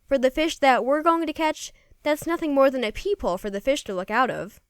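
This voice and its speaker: A woman's voice: high voice, expressive, a little fast, no echo, clean studio sound. A woman voicing a big, friendly male Bigfoot in a children's storybook, hearty, teasing and sure of himself. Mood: confident, teasing. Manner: hearty, teasing, bossy helper. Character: big friendly male Bigfoot, jovial, confident forest fisherman.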